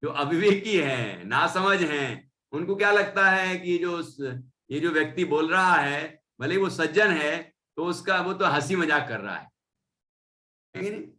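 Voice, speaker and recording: Man, Indian Hindi accent, scripture lesson, bright slightly high voice, echoey room. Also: expressive, unhurried. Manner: reads a verse, then explains with tag questions. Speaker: Jain scripture teacher. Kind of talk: explaining a scripture text in class.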